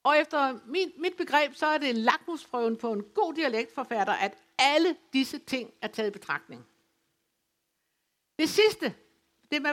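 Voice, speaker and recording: A woman from West Funen giving an academic lecture, speaking in a measured, explanatory way with occasional hesitations. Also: high-pitched, fairly bright tone. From West Funen, Denmark. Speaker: lecturer on dialect literature. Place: folk high school lecture venue.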